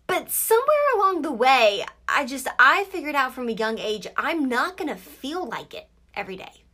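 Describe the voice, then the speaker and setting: A woman's voice: fairly high pitch, a bit bright. A young adult woman hosting a casual motivational podcast, recorded inside a closet, talking in an upbeat, emphatic way and repeating phrases for punch. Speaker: podcast host and nutrition coach.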